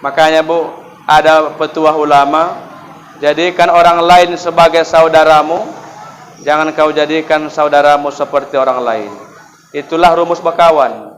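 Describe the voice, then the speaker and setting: A man preaching at a mosque gathering, telling stories lively and asking the congregation rhetorical questions. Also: on the high side, normal speed, a little hiss or hum, rough recording. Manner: acts out quoted dialogue in shifting voices. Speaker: Islamic preacher. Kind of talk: sermon at a mosque fast-breaking gathering.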